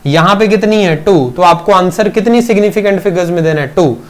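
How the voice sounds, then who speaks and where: A male physics teacher with a fairly high voice walks students through a lesson one step at a time. He keeps asking them questions to check they follow, and he switches freely into English terms as he goes. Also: brisk. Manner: mixes Hindi with English terms, addresses students as beta. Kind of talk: classroom lecture. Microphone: teaching video recording.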